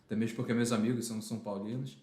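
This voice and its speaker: A man's voice: on the low side, racing. Man chatting in a roomy space. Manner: short agreeing replies, relaxed. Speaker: podcast host. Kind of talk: casual podcast chat.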